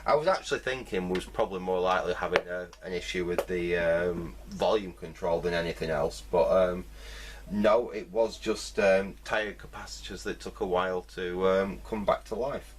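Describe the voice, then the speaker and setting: Thinking out loud as he works, this repair video host rambles and hesitates in casual hands-on commentary. His voice is deep, fairly even in intonation, and delivered at normal speed.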